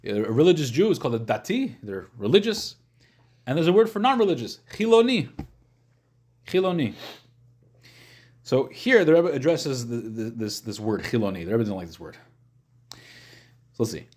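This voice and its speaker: A man's voice: mid-range voice, lively intonation, fairly quick, darkish tone. A man teaching an informal religious class as a rabbi, explaining in a questioning way and often repeating and rephrasing as he goes. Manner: questioning, checks in with listeners using short questions.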